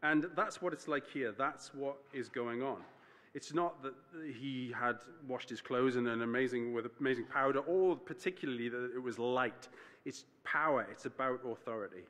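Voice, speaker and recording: Male preacher, mid-pitched, casual and self-correcting, heard in a reverberant church. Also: moderate pace, fairly bright tone. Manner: conversational, self-correcting, explains scripture plainly. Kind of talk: sermon.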